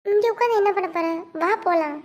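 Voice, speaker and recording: A woman's voice: extremely high pitch, fairly quick, muffled recording. A woman voicing a caring college friend in a cartoon, coaxing and reassuring. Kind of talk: cartoon web series voice acting.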